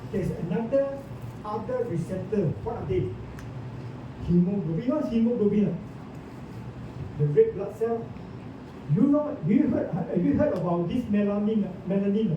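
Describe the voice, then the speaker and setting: A male presenter gives an informal lecture to a small group, constantly quizzing listeners and filling gaps with lots of "ah" and "uh." The audio comes from a distant mic in an echoey room, sounding dull with a rumbling noise.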